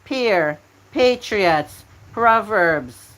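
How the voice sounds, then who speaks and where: This is a woman running a word game on her live stream. She talks slowly, with a mid-range voice, and coaxes and pleads with her viewers to type in their answers. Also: mid-range voice, lively intonation, a bit bright, poor audio.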